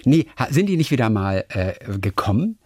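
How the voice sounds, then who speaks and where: Lively-voiced man in playful banter. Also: medium pitch, moderate pace, husky, no room sound, clean studio sound. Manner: playful, rambling, reads listener mail aloud. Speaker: podcast co-host. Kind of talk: casual chat.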